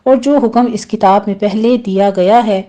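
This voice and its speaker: A woman's voice: mid-range voice, dark tone, dull audio. A woman teaching Quran recitation rules step by step, patiently explaining each sound and modelling the correct pronunciation. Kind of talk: tajweed lesson.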